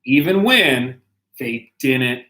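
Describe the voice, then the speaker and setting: A man, a pastor, reading a children's storybook aloud in a gentle, unhurried way. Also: medium pitch, lively intonation. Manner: gentle, unhurried, self-correcting. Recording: echoey room.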